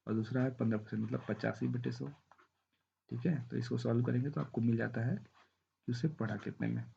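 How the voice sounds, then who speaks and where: A man's voice: medium pitch, fairly even intonation, a little fast, creaky, warm tone, muffled recording, slight background noise. A man teaching a math lesson with a sore throat, walking through the arithmetic step by step and checking in often. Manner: walks through arithmetic step by step, often saying "thik hai".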